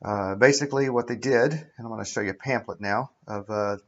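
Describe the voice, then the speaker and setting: A middle-aged man giving a casual, explanatory account as a patient, speaking in a halting, matter-of-fact way into a webcam indoors. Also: fairly low pitch, a bit bright. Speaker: patient recounting his own surgery. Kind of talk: casual explanatory vlog monologue. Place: indoors, living room with high ceiling. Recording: dull lo-fi webcam audio.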